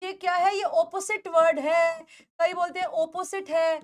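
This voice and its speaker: A woman with an Indian accent teaching spoken English pronunciation, repeating words slowly and quizzing her students. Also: very high-pitched, level tone. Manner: drills words by repeating them slowly, asks the class questions.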